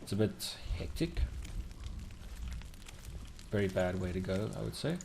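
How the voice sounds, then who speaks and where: A man's voice: low-pitched, expressive, measured pace, darkish tone. A man commenting casually as he plays a video game. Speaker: gamer playing and commenting. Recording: clear game noise behind voice. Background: video game ambience.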